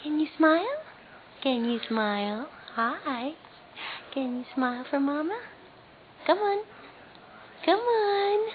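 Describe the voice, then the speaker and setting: A woman's voice: high-pitched, a little hiss or hum. A mother speaking baby talk to her infant, singsong, coaxing and repetitive. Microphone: camera held nearby. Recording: tinny lo-fi home video with chatter behind.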